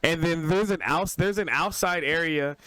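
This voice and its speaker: A young man co-hosting a podcast, telling a story in a casual, slangy, animated way. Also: fairly high pitch, normal speed, smooth, no room sound. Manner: animated, slangy, voice jumps up when excited. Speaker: podcast co-host.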